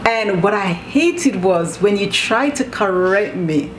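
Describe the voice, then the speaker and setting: A Jamaican woman speaks in a casual, bantering video-host style, emphatic and playfully argumentative. Her pitch sits in the middle for a woman. There is clear noise behind her voice. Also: animated, slow. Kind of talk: casual bantering chat with partner. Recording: clearly noisy room background.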